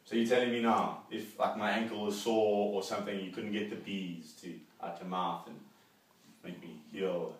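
A man's voice: fairly low pitch, fairly even intonation, moderate pace. A young man with a South African accent, hosting a casual, jokey interview. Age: young adult. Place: living room, indoors. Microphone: far camera. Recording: very echoey room, distant microphone.

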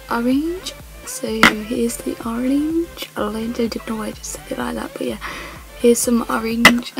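Young woman rambling on her home vlog, slow and a bit gravelly, soft music behind. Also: fairly high pitch, poor audio. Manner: rambling, giggly, self-correcting with many fillers. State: voice sounds odd, she says. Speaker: vlogger. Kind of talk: casual chat to camera. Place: home, indoors.

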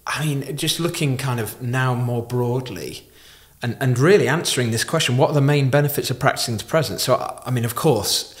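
A man in his thirties with an average-pitched voice hosts a podcast. He speaks in a thoughtful, conversational way into a desk microphone in a small room. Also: brisk, hardly any pauses. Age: 30s. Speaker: podcast host. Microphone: podcast microphone on desk stand.

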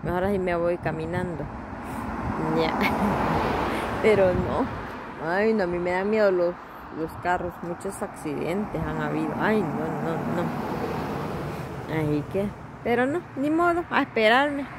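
A woman's voice: on the low side, animated, measured pace, pauses often, heavy background noise. Chatty middle-aged woman vlogging outdoors. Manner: chatty, laughing, rambling, talks to her viewers as friends. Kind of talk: casual chat to followers. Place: outdoors at a bus stop. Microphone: phone held in hand.

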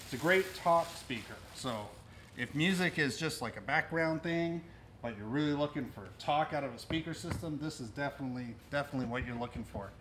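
A middle-aged store presenter demonstrates audio gear indoors in a cluttered audio equipment store, explaining casually and plainly as he handles the equipment. His voice is on the high side, a little fast and fairly bright. The room recording is noisy, with clicks.

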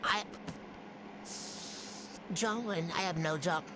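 A young gamer talking through a voice changer, rambling excitably and swearing while playing, with a cold and hiccups. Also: mid-range voice, slow pace. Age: student. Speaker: gamer vlogger. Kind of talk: casual gameplay commentary. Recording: loud background noise.

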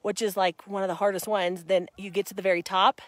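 A middle-aged woman streaming live from a mountain hike on her phone, tired from the climb, greeting viewers by name with excited chatter and frequent laughter. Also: mid-range voice, fast talker, dry recording. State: tired from hiking. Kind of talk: casual live-stream chat. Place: outdoors on a mountainside. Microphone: phone held at arm's length.

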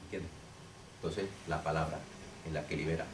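A man's voice: rumbling low, fairly even intonation, normal speed. A man, a deliverance minister, teaching a small group informally, repeating himself and checking in with "ok?" and "understand?". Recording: echoey room, distant mic, noisy.

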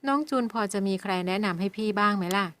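A woman's voice: medium pitch, fast, fairly bright tone, clean tone, lightly acted. Audiobook: woman playing a 33-year-old big brother, easygoing and teasing. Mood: relaxed. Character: 33-year-old man, playful older brother.

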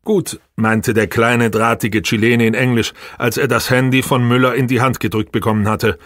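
A man's voice: medium pitch, little pitch movement, normal speed, no echo, clean studio sound. A man narrating a science fiction audiobook, raising his voice a little for the characters' dialogue. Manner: reads dialogue with a raised, livelier voice for characters. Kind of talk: scripted narration of a sci-fi audiobook.

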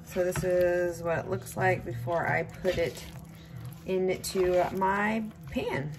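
A young woman, chatting casually as she cooks in her home kitchen, with plenty of ums and a relaxed, unhurried way of talking. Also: on the low side, background noise. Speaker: home cook vlogger. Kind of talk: casual cook-along narration.

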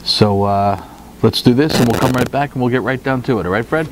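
A man's voice: mid-range voice, brisk, background noise. A middle-aged man co-hosting a casual chat, telling a dating story with lots of fillers and restarts into a lapel mic. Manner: rambling, animated, many fillers and restarts. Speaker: co-host. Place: indoor studio room with guitars on the wall. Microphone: lapel mic with headphones.

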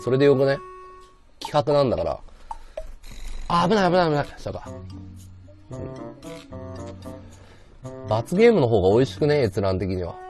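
A male livestreamer chatting casually with viewers, blunt and slangy. His pitch leaps up and down very expressively, and quiet music plays underneath. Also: big pitch swings, normal speed, pauses often. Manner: blunt slangy banter, reads viewer comments.

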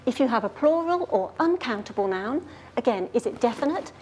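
A woman's voice: on the high side, expressive, a little fast, darkish tone, slight background noise, close to an everyday voice. A woman playing an earnest grammar detective. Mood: explaining. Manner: clear, patient explaining. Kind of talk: scripted grammar lesson skit.

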